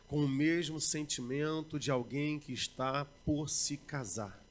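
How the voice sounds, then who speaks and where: High-voiced male preacher, dramatic swings. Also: a little slow. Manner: dramatic swings between loud bursts and low murmurs; acts out everyday quotes in conversational asides. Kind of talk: sermon.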